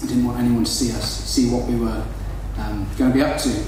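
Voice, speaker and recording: A young Welsh-born man whose first language is Welsh tells a comic story on stage, chatty and self-deprecating, calling the audience folks. His medium-pitched voice is fairly even and a little fast, picked up from a distance with heavy reverb and a noisy background.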